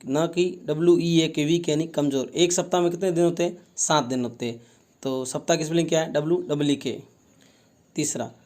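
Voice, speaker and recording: A man with an Indian accent teaching a school English lesson, reading English lines slowly and explaining them in Hindi, often asking and answering his own questions. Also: a little high, mellow. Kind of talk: bilingual classroom lesson, explaining and translating.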